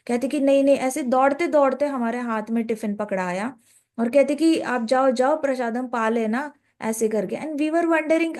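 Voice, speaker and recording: A woman's voice: fairly high pitch, a little mellow. A woman giving a conversational scripture talk as a devotional speaker, often mixing in English phrases.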